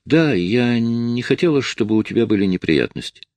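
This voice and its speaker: Man playing a tearful pleading young woman, audiobook voice, raised pitch, swinging intonation. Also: lively intonation, moderate pace, darkish tone, no room sound, lightly acted. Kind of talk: audiobook reading.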